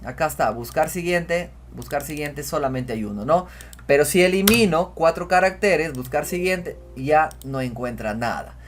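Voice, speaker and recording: A man's voice: on the high side, lively intonation, normal speed, noisy background. Chatty man teaching spreadsheets. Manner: chatty, repeats "miren" and "a ver", talks while clicking. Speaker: spreadsheet tutorial host. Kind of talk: screen-recorded software tutorial.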